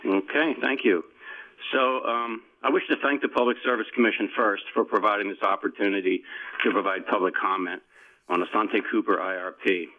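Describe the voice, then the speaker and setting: Guy calling in on a landline, thin tinny phone sound, lowish voice, reads his comment steady. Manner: reads a prepared statement, plain and measured. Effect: over a landline phone. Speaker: public witness giving comment at a hearing.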